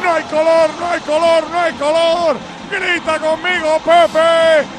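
A man from Spain calling football live on radio, shouting and repeating catchphrases at speed. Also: very high voice, little pitch movement, slow. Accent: Spanish from Spain. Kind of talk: excited live play-by-play commentary. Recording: noisy broadcast with crowd behind.

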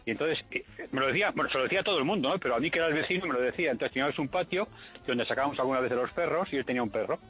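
A man calling a radio show, telling a story with halting, repeated starts. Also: mid-range voice, animated, fairly bright tone, husky, lo-fi sound, faint music behind. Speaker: caller. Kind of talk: telling an anecdote on a call-in show.

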